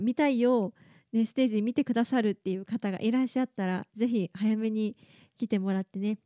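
A woman hosting her own podcast, talking chattily in a casual, animated way with frequent asides. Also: on the high side, no echo, clean studio sound. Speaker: podcast host. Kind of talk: casual solo podcast talk.

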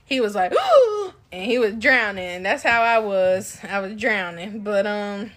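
Slow-talking young woman, laid-back. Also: mid-range voice, fairly bright tone. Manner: unhurried, laughing storytelling. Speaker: podcast co-host. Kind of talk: casual chat.

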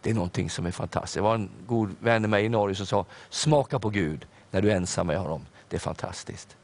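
A man's voice: low-pitched, vocal fry. An older man, a pastor, preaching a sermon in an earnest storytelling way with hesitations and fillers.

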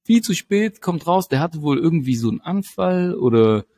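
Lively, husky young man telling a story. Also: a little high, normal speed. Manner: animated, slangy, laughs often. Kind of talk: casual storytelling chat.

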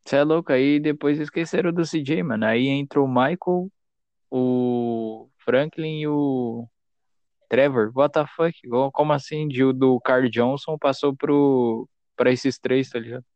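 Gravelly young Brazilian man, slangy and casual. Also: mid-range voice, a little slow, darkish tone, no echo, muffled recording. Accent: Brazilian Portuguese. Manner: informal, slangy, swearing. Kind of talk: casual chat.

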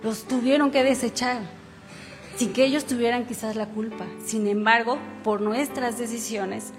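A woman's voice: a little high, fairly even intonation, moderate pace. A woman preacher giving a conversational sermon, reading scripture aloud and asking rhetorical questions. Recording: reverberant hall with faint music. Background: faint instrumental music.

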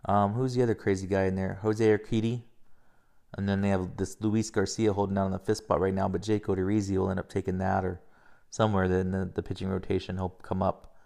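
A casual, rambling man in his thirties from the United States, with a somewhat low voice. He talks loosely and profanely, drifting between stats and stories, and his voice climbs and gets heated when he argues a point. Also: little pitch movement, fairly quick, creaky, a little mellow. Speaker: podcast host. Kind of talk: casual sports chat.

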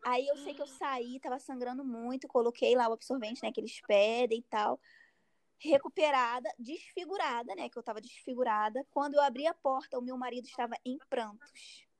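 High-voiced woman telling a story. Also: a little fast, dry recording. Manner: animated storytelling, acting out her own cries and quotes. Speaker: guest telling her story. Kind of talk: casual chat.

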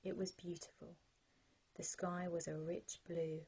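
A British woman serves as a sleep story narrator, guiding the listener gently and without hurry. Her voice is low-set and very breathy, with a soft, mellow warmth. The delivery is calming bedtime storytelling for children. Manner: gentle, calming, unhurried guidance.

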